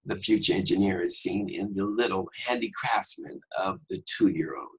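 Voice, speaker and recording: A man giving a fast, conversational Bible teaching on a podcast, with joking asides. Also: sits low, slightly rough, poor audio.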